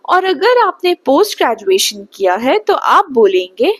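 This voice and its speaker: A young woman from Bihar teaching spoken English slowly and patiently, often checking whether the listener has understood. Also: sits high, big pitch swings, no room sound. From Bihar, India. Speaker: English tutor.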